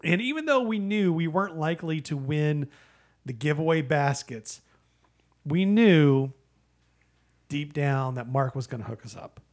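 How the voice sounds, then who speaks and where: A man who co-hosts a podcast, giving a casual, rambling and halting review in a conversational style. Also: on the high side, animated. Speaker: podcast co-host, beer reviewer. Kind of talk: casual beer review chat.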